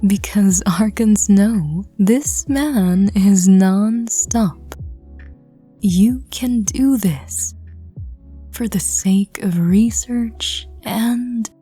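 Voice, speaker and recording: Woman narrator, whispered role-play, breathy and husky, very slow. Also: medium pitch, soft background music. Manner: hushed, breathy, intimate second-person narration. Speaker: audio drama reader.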